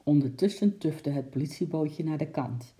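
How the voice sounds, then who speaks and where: A man reading a children's story aloud in lively storytelling style, switching into voices for the characters. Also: on the high side, moderate pace. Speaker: narrator.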